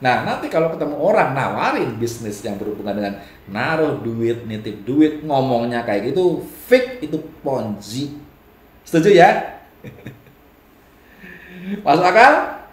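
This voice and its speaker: Male business coach for a live stream. Lively, swooping delivery that keeps jumping up to mimic other people, with frequent laughs. Recorded with a roomy echo. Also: slow. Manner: animated, laughs often, mimics people in a higher voice. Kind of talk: live-stream talk answering viewer comments.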